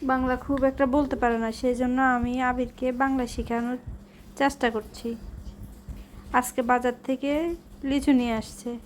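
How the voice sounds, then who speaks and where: Female vlog host, high voice, plain instructive delivery, slightly noisy home-video sound. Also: level tone, unhurried, pauses often. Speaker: vlog host teaching a child Bengali. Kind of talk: home vlog narration with simple repeat-after-me prompts.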